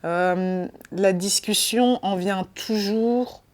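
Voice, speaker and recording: A woman in her late twenties, born in Rwanda, speaking hesitantly and reflectively with many pauses in an interview. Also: medium pitch, darkish tone. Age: 20s. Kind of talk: testimony.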